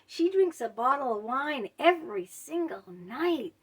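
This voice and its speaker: A woman's voice: sits high, big pitch swings, a little slow, breathy edge, far from the mic, voice pushed up, full character voice. A woman mimicking a gossiping woman who speaks in a syrupy, falsely concerned tone. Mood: fake concern. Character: sugary fake-caring gossiping woman.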